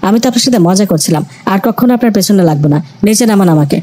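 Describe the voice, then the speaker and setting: Lady playing a panicky young guy faking a healer, begs and wails fast. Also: medium pitch, animated, dark tone, lightly acted. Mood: panicked pleading. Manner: wailing, pleading.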